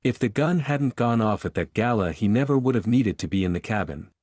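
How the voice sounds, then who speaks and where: A man narrating an audiobook romance in a steady storytelling delivery. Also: on the low side, brisk, husky, dry recording, clean studio sound. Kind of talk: scripted narration.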